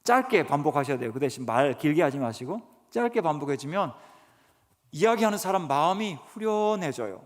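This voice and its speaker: A man's voice: fairly high pitch, big pitch swings, a little fast. A man giving an earnest sermon lecture to a church congregation, often putting questions to the listeners. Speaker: guest speaker professor. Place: church sanctuary. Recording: reverberant church hall.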